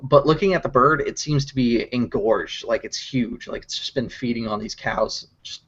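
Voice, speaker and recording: A man narrating as game master of a tabletop game, pausing often with fillers. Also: medium pitch, fairly bright tone, breathy edge. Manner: hesitant, many fillers. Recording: dull lo-fi recording.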